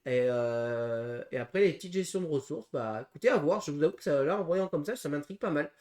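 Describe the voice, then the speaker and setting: A man co-hosting a casual board game preview, talking through game rules with frequent pauses and restarts. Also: on the high side, expressive, a little mellow. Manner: hesitant, full of pauses and restarts while explaining rules. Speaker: board game channel co-host.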